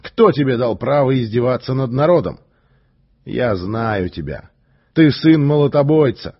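A man voicing a calm, stern and fearless male gymnast who speaks in a firm, commanding way. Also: mid-range voice, measured pace, slightly rough, muffled recording.

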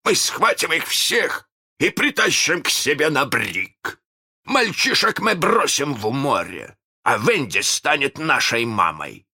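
Man doing a pompous pirate captain, high-pitched and showy, swooping delivery, husky edge, storybook reading. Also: sing-song, takes it slowly, sharp tone, full character voice. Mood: grandiose. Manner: theatrical, grandiose, swinging between pomp and rage. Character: vain, dramatic pirate captain, adult man.

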